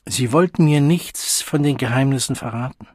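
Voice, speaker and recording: A man reading the part of a lonely, wounded young outcast who confides in a hushed, searching way. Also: mid-range voice, normal speed, slightly rough, no echo, clean studio sound, close to an everyday voice. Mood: confiding.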